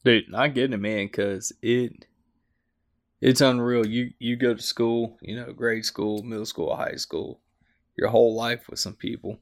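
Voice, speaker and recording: A man's voice: medium pitch, steady tone, unhurried. A man who is a veteran guest on a podcast, talking in a laid-back, chummy and profane way. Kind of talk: casual conversational interview.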